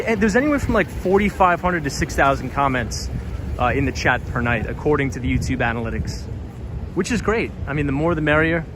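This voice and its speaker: A man with a mid-range voice livestreams outdoors on a windy city street at night, walking and chatting casually. He reads out viewer comments in a friendly manner, his voice slightly tired, while clear music plays behind the street stream.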